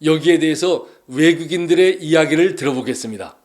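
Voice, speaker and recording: A man's voice: on the high side, expressive, very fast, a little mellow. A man hosting a show, delivering a scripted introduction as a presenter. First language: Korean. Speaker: host.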